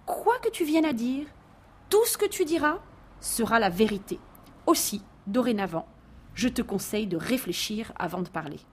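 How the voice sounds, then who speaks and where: A woman voicing a solemn, kindly woman doctor who speaks slowly and deliberately in a storybook reading. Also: on the high side, sing-song, husky.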